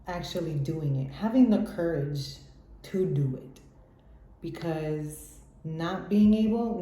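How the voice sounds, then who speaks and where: A woman's voice: lowish voice, warm tone. A woman speaking in a candid, slangy way, laughing often, giving casual motivational life advice as a mother. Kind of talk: casual motivational vlog talk. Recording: roomy echo.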